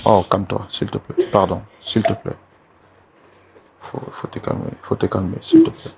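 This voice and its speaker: A man hosting a talk show, trying to calm a distressed guest and repeating the same pleas over and over. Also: on the low side, moderate pace, gravelly, background noise. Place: TV studio set.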